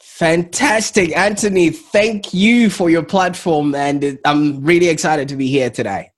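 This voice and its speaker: An adult man, 28 or older, with a Zimbabwean accent speaks slightly slowly at a fairly high pitch. Appearing as an interview guest, this entrepreneur and coach tells his own story in a conversational way.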